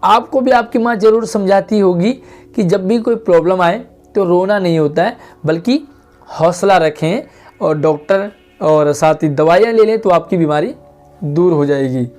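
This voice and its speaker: A man's voice: sits high, normal speed, darkish tone, faint music behind. A man teaching a Hindi lesson to schoolchildren, patiently reading lines of a play aloud and then explaining them.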